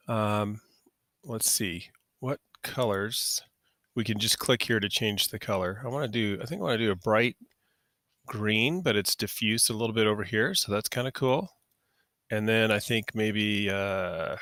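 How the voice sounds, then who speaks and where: A man walks through a 3D software tutorial in a relaxed, step-by-step way, fixing his own slips as he goes. His voice is fairly low but bright and forceful. The recording is dry and close, with no room sound. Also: no room sound. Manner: casual, talks through each click, self-correcting. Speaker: software instructor.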